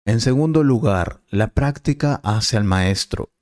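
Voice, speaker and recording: Spanish teacher guy, patient and clear, dry close sound. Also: lowish voice, animated, a little slow, a little mellow, no room sound. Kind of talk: scripted lesson dialogue.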